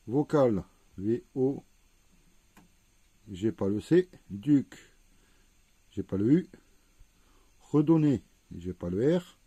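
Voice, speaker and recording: Slow, dark-voiced man spelling letters. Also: mid-range voice, husky, no room sound. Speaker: scratch-card vlogger. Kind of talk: casual commentary while scratching tickets.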